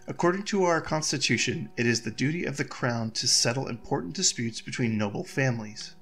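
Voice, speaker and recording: A man's voice: medium pitch, fairly bright tone, natural voice. A man voicing a nervous young princess in a game, who frets aloud and keeps repeating reassurances to herself. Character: nervous young princess, anxious heir to throne. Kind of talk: reading game dialogue aloud.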